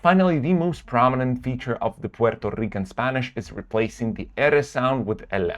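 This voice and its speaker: Medium-pitched man presenting an explainer. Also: normal speed, highs cut off. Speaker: presenter, pronunciation teacher. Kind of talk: explanatory video narration.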